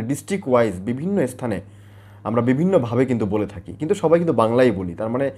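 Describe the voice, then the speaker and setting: Bangladeshi male IELTS tutor, mid pitch, animated intonation, explanatory lesson style, hesitant fillers. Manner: explains step by step, with frequent "ah" fillers.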